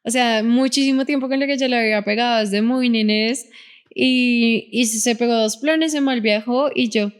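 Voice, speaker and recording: A woman's voice: fairly high pitch, normal speed, smooth. A woman from Colombia with a Bogotá accent, co-hosting a podcast and telling stories with laughter in a casual chat. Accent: Colombian Spanish, Bogotá. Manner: laughing storyteller, animated anecdotes. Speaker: podcast co-host.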